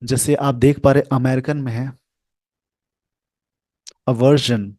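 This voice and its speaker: Man, pronunciation teacher, slow careful delivery, repeats each sound, mid pitch, dry close sound. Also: flat delivery, warm tone, no room sound. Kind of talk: screen-share lesson.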